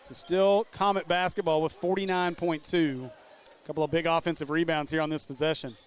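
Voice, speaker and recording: A man calling a basketball game live as play-by-play commentator, running through the action at a quick pace. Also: on the high side, steady tone. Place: basketball gym.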